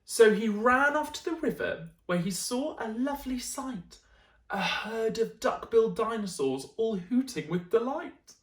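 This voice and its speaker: A woman reads a bedtime picture book with a lively, sing-song delivery and small asides to her listeners. Her voice carries an echoey room sound. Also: on the high side, a little slow. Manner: expressive, adds gentle asides. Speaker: teacher. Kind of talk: bedtime story reading.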